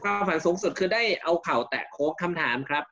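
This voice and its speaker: A man's voice: on the high side, fast, creaky, sharp tone, lo-fi sound. A man hosting a talk show, asking probing questions in a casual way and repeating words. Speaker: host. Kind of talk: interview questions.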